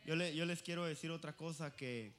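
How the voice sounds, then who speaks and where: A young man preaching a passionate sermon with personal testimony, moving between loud exhortation and quiet confession and slipping English words into his Spanish. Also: a little high, a little fast.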